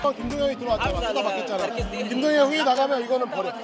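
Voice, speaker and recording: Guy coaching volleyball in a timeout, really high urgent voice, loud arena crowd behind. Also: racing. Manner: direct, instructive, urgent. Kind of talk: tactical instructions in a team huddle. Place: large indoor arena, courtside. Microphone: TV broadcast mic near the huddle. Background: crowd and music.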